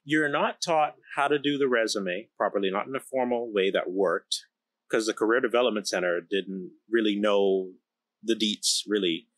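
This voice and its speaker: This time the Bahamian engineer and company founder, a man in his thirties, sounds fairly low and fairly bright, talking at a normal speed. He's an interview guest sitting on a large indoor electronics production floor, telling his story frankly and forcefully, recorded without echo on a close podcast mic on a boom arm.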